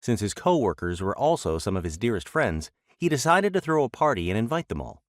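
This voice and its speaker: A man's voice: on the low side, big pitch swings, a little fast, dry recording, studio quality. A man narrating a scripted trickster tale as an audiobook storyteller.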